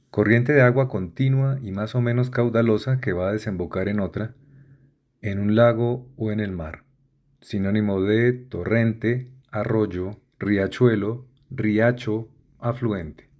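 Brief: male reader, low voice, unhurried pace, methodical dictionary-style delivery. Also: darkish tone. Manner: spells out letters and lists synonyms methodically. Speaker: vocabulary reader. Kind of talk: slow, deliberate dictionary reading.

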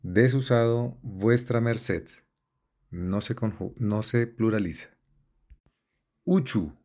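A man with a low, dark, mellow voice reads through a word list at a very slow, deliberate pace. He spells out each letter and accent mark carefully, like a dictionary being read aloud. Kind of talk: slow dictionary-style reading.

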